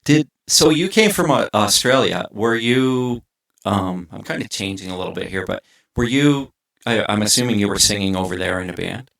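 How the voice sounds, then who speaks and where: A man with a deep, gravelly voice hosts an interview. He talks in an easy, conversational way and follows up with loose questions. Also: animated, normal speed, a bit bright. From North America. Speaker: podcast host. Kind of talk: casual interview chat.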